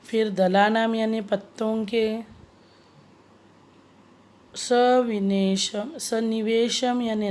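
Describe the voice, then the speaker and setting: Slow, deliberate woman teacher. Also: mid-range voice, a little mellow. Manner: slow, deliberate, repeats words for pupils to echo. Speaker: Sanskrit teacher. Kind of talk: classroom lesson, explaining word meanings.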